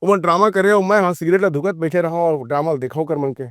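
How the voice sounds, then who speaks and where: A man's voice: fairly high pitch, fast, clean tone, no room sound, clean studio sound. A middle-aged man with a Chhattisgarhi accent telling stories in a casual interview, rambling and acting out the lines he quotes. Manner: rambling, animated, acts out quoted dialogue. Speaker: filmmaker and theatre actor.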